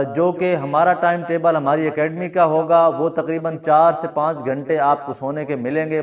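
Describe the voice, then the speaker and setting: A man from Pakistan teaching a Korean lesson at a classroom board, explaining patiently and often asking if his students follow. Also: a little high. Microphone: camera mic from a distance. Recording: distant, dull camera audio.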